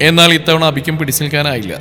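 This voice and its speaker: A man narrates a scripted story in a dramatic, even manner. His voice is bright and slightly high, and it trails off into a long reverb over faint music. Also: very fast.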